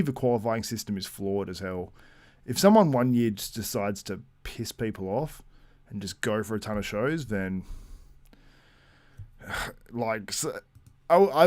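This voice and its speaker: Chatty low-voiced male stream host. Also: darkish tone, no echo. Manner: chatty, reads out viewer comments, frequent laughs. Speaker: livestream host. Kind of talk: casual live-stream commentary.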